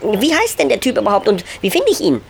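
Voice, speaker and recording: A man's voice: sits high, wildly swooping pitch, fast talker, creaky, slight background noise, voice pushed up, exaggerated voice. A man voicing a small, cheeky angel boy who sounds sweet, innocent and sly. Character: cheeky little male child angel.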